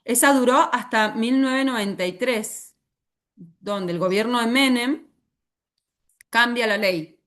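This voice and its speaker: A woman's voice: a little high, unhurried, pauses often, fairly bright tone. A woman teacher with an Argentine accent, lecturing a class and often stopping to ask the students questions. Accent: Argentine Spanish. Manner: asks the class frequent questions.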